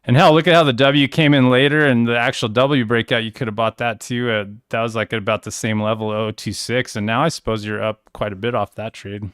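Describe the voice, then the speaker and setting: Laid-back male streamer, middle pitch, talks through charts off the cuff, smooth voice. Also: fairly even intonation, a little fast, few pauses, a bit bright, dry recording, clean studio sound. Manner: rambling, self-correcting, laid-back. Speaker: crypto trading livestream host. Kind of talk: casual screen-share walkthrough.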